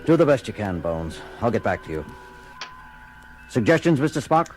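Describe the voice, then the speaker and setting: A man's voice: on the low side, big pitch swings, normal speed, rough recording. A man playing a commanding, urgent and blunt starship captain in a science fiction audio drama, with an authoritative, clipped delivery. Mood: tense. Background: loud dramatic music.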